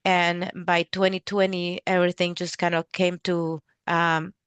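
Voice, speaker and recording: A middle-aged woman from Mexico hosting a casual webinar, talking in a halting way with many restarts and fillers. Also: lowish voice, level tone, clear, resonant tone, dry recording. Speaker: real estate investor hosting a webinar.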